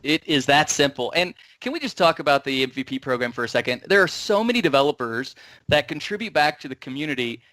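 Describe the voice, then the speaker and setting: A man's voice: on the high side, animated, fast, sharp tone, dry recording. Upbeat joking male show host. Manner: upbeat, joking, rambling with restarts. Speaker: podcast host. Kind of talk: casual tech show chat.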